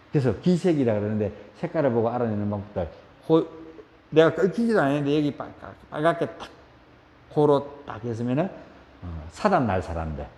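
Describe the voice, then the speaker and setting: A man with a Gyeongsang Korean accent teaching a yoga class, asking questions and acting out shouts. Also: mid-range voice. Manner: lively, asks the class questions, acts out shouts. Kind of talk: spoken yoga lecture. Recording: roomy hall echo.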